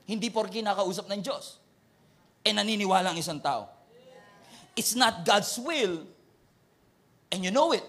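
A man's voice: sits high, animated, a little slow, long pauses, fairly bright tone, slightly rough. A man with a Filipino accent preaching a sermon, switching between Filipino and English and acting out people from his church. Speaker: pastor.

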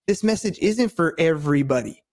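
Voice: mid-range voice, expressive, brisk, a little mellow. A podcast co-host talking casually and motivationally, earnest and rambling, often checking that the listener agrees.

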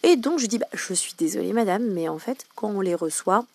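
A woman's voice: mid-range voice, expressive, fairly quick, darkish tone, breathy edge. A woman podcaster telling comic stories from her shop job in a chatty, playful way, full of fillers. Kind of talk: comic anecdote monologue.

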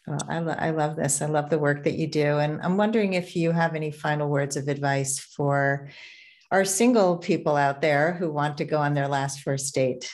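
A woman's voice: low-pitched, steady tone, normal speed, darkish tone. A woman hosting a podcast, thanking her guests and closing the show with a bit of laughter. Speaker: podcast host. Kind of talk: podcast interview.

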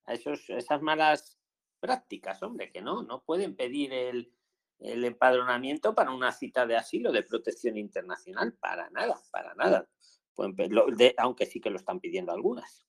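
A man's voice: medium pitch, big pitch swings, moderate pace. A man with a Spain Spanish accent, hosting a live call-in Q&A and giving advice in a chatty way, often repeating himself for emphasis. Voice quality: gravelly. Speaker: asylum advice host.

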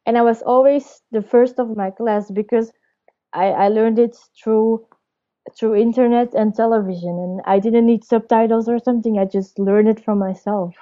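A Belgian woman in her twenties, a storyteller guest, answers interview questions hesitantly, searching for her words. Her voice is a little high with fairly even intonation and normal speed, captured on dull lo-fi audio.

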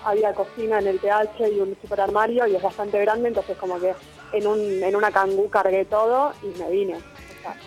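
A woman's voice: mid-range voice, normal speed, faint music behind. Chatty Rioplatense woman in her twenties. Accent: Rioplatense Spanish. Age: 20s. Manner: chatty, relaxed. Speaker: caller. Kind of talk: casual phone chat.

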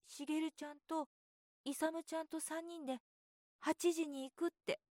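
A woman voicing an eager, worried young boy in a soft, hushed voice while reading a storybook aloud. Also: fairly even intonation, unhurried, dry recording, studio quality. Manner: soft, raised pitch, hushed.

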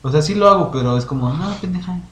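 A young man with a Mexican Spanish accent, chatting casually as a podcast co-host, telling animated stories full of slang and acted-out quotes. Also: medium pitch, very fast. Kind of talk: casual chat. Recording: roomy echo, faint noise.

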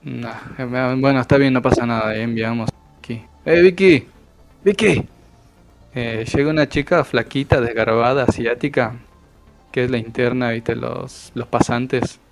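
Argentine guy running a tabletop game, slangy vivid narration, gravelly voice. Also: medium pitch, flat delivery, moderate pace, soft background music. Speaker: game master.

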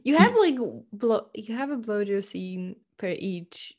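A woman's voice: medium pitch, very animated, measured pace, a little mellow. Dry, amused podcast woman. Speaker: podcast co-host. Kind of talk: casual comedic chat.

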